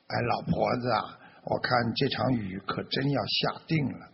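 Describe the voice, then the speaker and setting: A man's voice: mid-range voice, moderate pace, gravelly, crowd noise. A man playing an anxious old farmer who exclaims and laments with long sighs, in a spoken story. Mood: hopeful. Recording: dull lo-fi recording.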